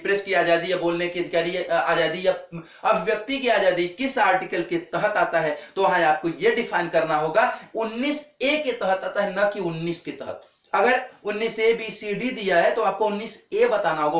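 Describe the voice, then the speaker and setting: A man's voice: high voice, fairly bright tone, reverberant. A man teaching an exam-prep lecture, earnest and repetitive, calling his viewers friends as he drills key points.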